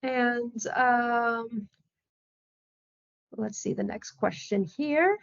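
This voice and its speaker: A woman's voice: on the high side, very slow, creaky, no room sound, lo-fi sound. A woman interviewing a creator, asking questions in a friendly, agreeable way with many hesitant fillers.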